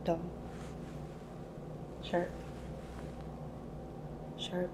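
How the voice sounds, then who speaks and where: A woman as the patient in an ASMR exam, giving brief, quiet, subdued answers. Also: very slow. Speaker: patient being examined. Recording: loud background noise.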